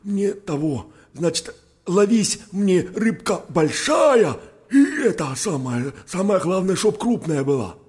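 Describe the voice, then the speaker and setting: A man's voice: high voice, big pitch swings, slow pace, darkish tone, pitched above the performer's own voice, heavily acted. A man doing a mumbling greedy wolf. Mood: muttering. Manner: mumbling, stammering, hemming. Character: muttering greedy male wolf, hasty. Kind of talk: storybook narration.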